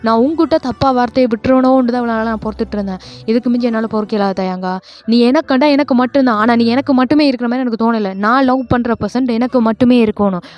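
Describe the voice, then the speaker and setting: A woman's voice: fairly high pitch, fast, natural voice. A woman voicing a jealous, possessive young man who scolds and threatens his boyfriend. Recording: lo-fi voice with faint music.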